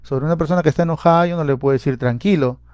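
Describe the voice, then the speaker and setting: Man, psychology seminar lecture, mellow fairly high voice, dry sound. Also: fairly even intonation, very fast, clear, resonant tone, dry recording. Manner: explanatory, repeats words and fills with "eh". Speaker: clinical psychologist and seminar speaker.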